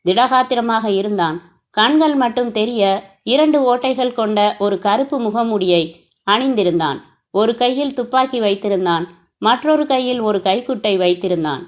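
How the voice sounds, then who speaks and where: Woman narrating a crime novel. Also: on the high side. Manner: steady storytelling. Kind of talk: audiobook narration.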